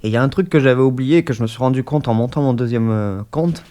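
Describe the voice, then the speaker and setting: Talking fast in a mellow, mid-range voice, a gaming YouTuber with a head cold offers casual let's-play commentary at his desk mic. He's stuffy, hesitant, and leans heavily on fillers.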